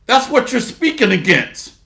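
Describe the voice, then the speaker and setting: A man's voice: very high-pitched, sing-song, moderate pace, creaky, sharp tone, roomy sound. A man preaching a blunt, mocking sermon with scripture readings and rhetorical call-outs.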